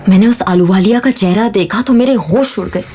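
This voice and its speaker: Over soft background music, a woman plays a defiant young mother telling and acting out her own story in an emotional, first-person audio drama. Her natural, medium-pitched voice is mellow and a little fast, and the narration is grave.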